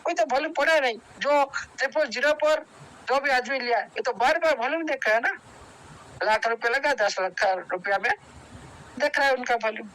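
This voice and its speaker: A man speaking in an online meeting, urging his listeners to take decisions, talking in repetitive, halting bursts with restarts. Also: extremely high pitch, sharp tone, low-quality recording. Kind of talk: motivational speech to a group. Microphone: video call.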